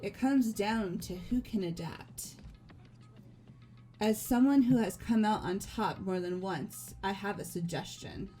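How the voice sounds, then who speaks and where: In a fan dub of a game script, a woman with a mid-range voice gives a calm, measured, composed performance as a game character. Faint game music plays behind her.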